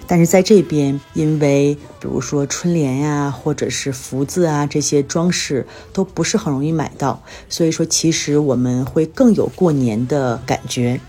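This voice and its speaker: Sounding a little worn out and unwell, a Chinese woman chats through everyday stories on her casual solo podcast, giving a life update. She talks at a normal speed with few pauses, her deep voice dark and slightly rough.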